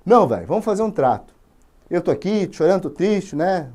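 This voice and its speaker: A man's voice: high voice, sing-song, brisk, darkish tone. A man with a Brazilian accent voicing a tearful young captive warrior who pleads in casual slang. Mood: pleading.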